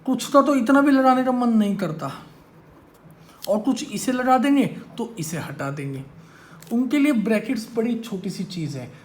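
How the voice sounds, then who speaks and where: A man's voice: very high voice, animated, normal speed. A male maths teacher lecturing a class, teasing and quizzing his students as he goes.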